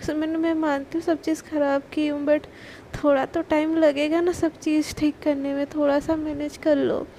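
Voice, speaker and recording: A woman's voice: high-pitched, little pitch movement, moderate pace, mellow, a little hiss or hum. A woman voicing a pleading, coaxing young woman. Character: young woman caught between lovers, pleading.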